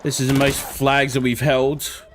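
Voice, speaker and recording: A man's voice: medium pitch, monotone, measured pace, slight background noise. A man live-streaming a shooter game, chatting casually and swearing bluntly when frustrated. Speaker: gaming livestreamer. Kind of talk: casual chat while gaming.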